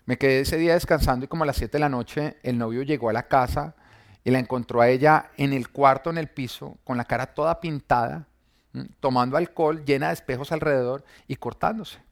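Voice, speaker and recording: A man with a medium-pitched, creaky voice speaks fairly quickly while giving his earnest faith testimony as a church member. He narrates scenes and quotes what people said.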